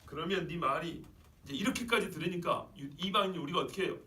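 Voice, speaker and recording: A man's voice: fairly high pitch, quick pace, sharp tone. A man preaching a sermon as pastor, emphatic and often putting questions to his congregation. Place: church sanctuary. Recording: roomy church sound from a distant mic.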